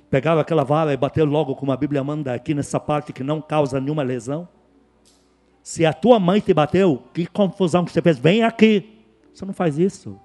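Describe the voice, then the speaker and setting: Male pastor, high voice, emphatic sermon delivery, hushed asides then loud peaks. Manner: emphatic, repeats key words, swings from hushed to loud.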